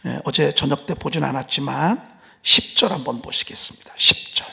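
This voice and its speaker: A man preaching an early-morning sermon in a church, impassioned, moving between loud cries and hushed whispers. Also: mid-range voice, moderate pace, vocal fry. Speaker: pastor. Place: church sanctuary.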